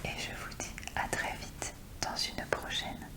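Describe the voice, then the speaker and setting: Woman whispering close in your ear. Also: a little slow. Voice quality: breathy, unvoiced whisper. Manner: informal, chatty. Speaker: ASMR video creator. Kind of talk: soft-spoken ASMR show and tell.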